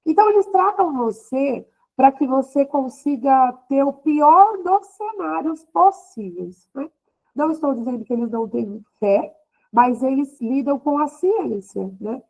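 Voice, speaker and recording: A woman's voice: sits high, lively intonation, measured pace, creaky, darkish tone. A woman in her thirties giving an emotional church testimony to a women's group, often adding "né?". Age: 30s. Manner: emotional, repeats "né?" often, voice rising in quoted speech. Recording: slightly dull lo-fi recording.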